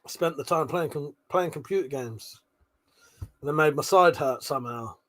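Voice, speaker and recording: A British man hosts a laid-back livestream, rambling and swearing freely as he reads out comments and responds to them. His voice sits a little high and sounds slightly bright, at a moderate pace.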